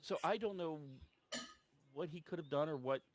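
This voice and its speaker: A man's voice: on the high side, normal speed, background noise, close to an everyday voice. A man voicing an ancient, sleepy druid in a tabletop game, hesitant and rambling as he thinks aloud. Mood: cautious musing. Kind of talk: improvised in-character tabletop role-play.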